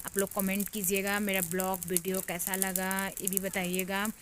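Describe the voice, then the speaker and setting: A woman's voice: mid-range voice, little pitch movement, normal speed, a little hiss or hum. A young woman vlogger chatting casually as she narrates a family party in a rambling, storytelling way.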